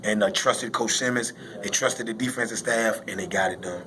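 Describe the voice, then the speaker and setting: A man who coaches high school football, explaining casually and emphatically in a postgame interview, often repeating phrases for stress. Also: moderate pace, bright, forceful tone.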